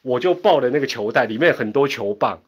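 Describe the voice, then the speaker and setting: Man, Taiwanese accent, middle-aged, livestream host, casual chat, husky, mid-pitched, laughs a lot. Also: lively intonation, brisk. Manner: chatty, laughs often, rambling asides. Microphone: home internet setup.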